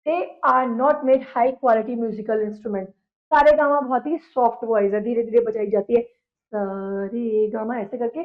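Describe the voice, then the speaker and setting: Woman teacher w a high voice, reads slow then explains, tinny phone-ish sound. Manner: reads English sentences slowly, explains in quicker conversational Hindi. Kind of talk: science lesson, reading English text then explaining in Hindi.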